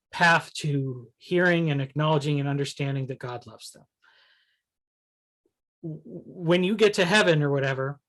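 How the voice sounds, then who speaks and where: A man in a casual philosophical conversation, thinking aloud with many restarts and "you know"s. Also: fairly high pitch. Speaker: essay writer discussing his ideas.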